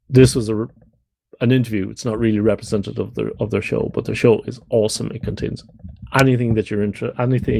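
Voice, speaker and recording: A man's voice: lowish voice, creaky, a little mellow, no room sound. A man co-hosting a podcast in casual chat, chatty and jokey, laughing often. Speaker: podcast co-host.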